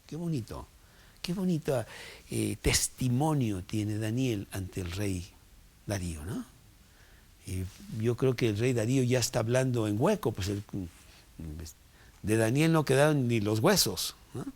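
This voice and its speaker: Slow, animated male preacher. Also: medium pitch. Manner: animated, exclamatory, conversational asides. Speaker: pastor. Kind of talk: sermon.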